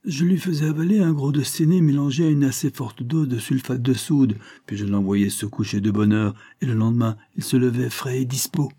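A man voicing a sharp-tongued, domineering older spinster in an audiobook. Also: medium pitch, steady tone, fairly quick, few pauses, breathy edge, pitched above the performer's own voice, lightly acted. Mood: scornful. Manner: scolding, domineering.

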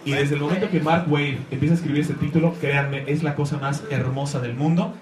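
A man with a voice on the high side gives an enthusiastic talk about comics to a live audience, speaking a little fast in a steady tone while rambling and searching for words. The room is echoey, with faint noise.

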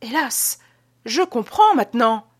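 A woman's voice: mid-range voice, very animated, takes it slowly, pitched above the performer's own voice. A woman voicing an agitated, anxious man who speaks in emphatic exclamations in an audiobook reading. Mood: agitated urgent. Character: anxious middle-aged Parisian man, Adolphe.

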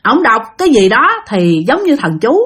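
A woman tells a ghost story in a chatty way, talking straight to her listeners. Her fairly high voice swings up and down with animation. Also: very animated, moderate pace, a bit bright, slightly rough. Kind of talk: casual spooky storytelling.

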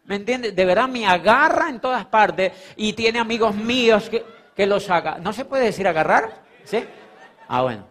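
A man giving an animated, emphatic motivational talk, repeating phrases and checking in with his audience. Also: high-pitched, moderate pace. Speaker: motivational speaker. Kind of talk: live motivational seminar talk. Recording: long hall reverb.

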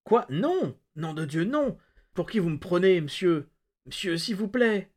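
A man voicing a terrified, starving male prisoner who pleads and whimpers in a high, strained voice. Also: expressive, normal speed, fairly bright tone. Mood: panicked. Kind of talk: audiobook-style reading.

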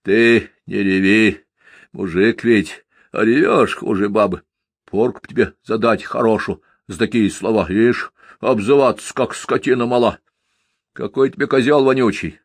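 A man reading aloud and voicing a drunken, bullying village peasant who blusters and shouts. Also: fairly low pitch, measured pace, breathy edge, dry recording, clean studio sound. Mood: scolding.

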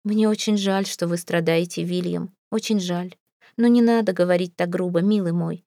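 A woman's voice: lowish voice, fairly even intonation, moderate pace, mellow, no room sound, natural voice. Fretful, tearful older mother-in-law in an audiobook, read by a woman, sighing and plaintive, close and dry. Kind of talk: audiobook character reading.

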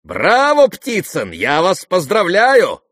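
A man's voice: high-pitched, huge pitch swings, slow pace, fairly bright tone, dry recording, studio quality, voice pushed up, heavily acted. A man voicing a proud young woman who teases and mocks scornfully. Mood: mocking. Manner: teasing, scornful.

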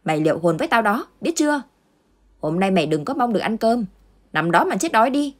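A cruel stepmother snarls threats in a low, husky voice with a hard, contemptuous edge, as a woman acts her out. It is a story-reading voice rather than a full character voice. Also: lively intonation, fast talker. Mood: threatening. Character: cruel scheming stepmother, harsh young woman.

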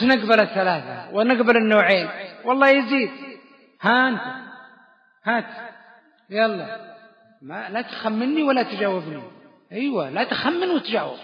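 A man teaching Quran exegesis to a study circle, firing quick questions at his students and praising their answers briskly. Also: high voice. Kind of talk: classroom question-and-answer lesson. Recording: dull reverberant lo-fi hall recording.

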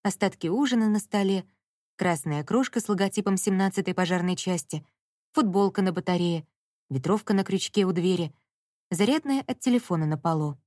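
A woman reading an audiobook novel in a measured storytelling manner. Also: on the low side, darkish tone, dry recording, studio quality. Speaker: audiobook narrator. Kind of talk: scripted narration.

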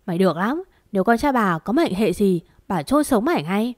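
A harsh older mistress of a wealthy house, given to scolding and wailing, as a woman narrator puts her on. Her voice climbs higher than the narration. The recording is dry and close. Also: lively intonation, a little fast, dry recording, close to an everyday voice.

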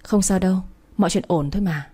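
A woman reading the lines of a calm, detached young woman in a spoken story. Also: lowish voice, fast, slightly rough. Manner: calm, composed.

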